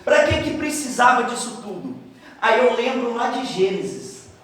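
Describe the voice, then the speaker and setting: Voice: mid-range voice, big pitch swings, normal speed, fairly bright tone. A preacher at a church camp tells a Bible story while volunteers act it out. The preacher talks straight to the crowd and gives playful stage directions. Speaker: preacher leading a camp skit. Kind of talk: lively sermon storytelling with volunteers acting it out. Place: large echoing hall at a church camp. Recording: echoey hall from far off.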